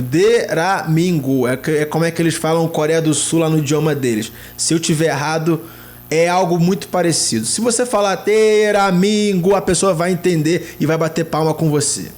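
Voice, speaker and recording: A young man with a Brazilian Portuguese accent talks in a slightly raised pitch. He gives casual, slangy travel advice straight to the listener and keeps tossing in interjections. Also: lively intonation, brisk, a little mellow. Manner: chatty, slangy, sprinkles interjections. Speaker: travel vlogger. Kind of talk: casual tips to camera.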